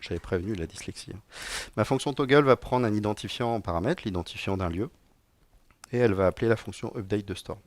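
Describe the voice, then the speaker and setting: With a lowish voice and a fast delivery free of echo, a middle-aged man gives a live-coding talk at a conference. As technical director, he addresses the room in a relaxed, joking manner, using many fillers.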